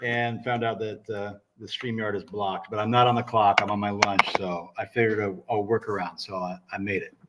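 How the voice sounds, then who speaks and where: A man talks through a remote laptop connection that sounds hollow and cave-like, as if from a bare echoey space. His delivery is halting and casual, full of restarts as he works out his thoughts on the game. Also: fairly low pitch, level tone, far from the mic, very noisy. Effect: echoey, cave-like sound on a remote call. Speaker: co-host joining remotely. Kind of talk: casual sports chat. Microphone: laptop and camera on a remote call.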